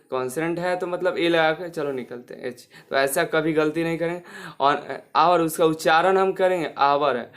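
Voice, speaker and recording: Hindi-accented male teacher, call and answer. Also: a little high. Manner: asks questions and answers them himself, repeats key words. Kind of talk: English grammar lesson. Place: classroom.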